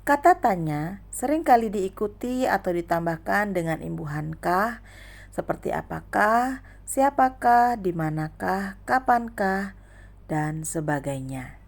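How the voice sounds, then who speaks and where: A woman's voice: mid-range voice, animated, measured pace, creaky. A young adult woman teaching a grammar lesson, listing examples one by one.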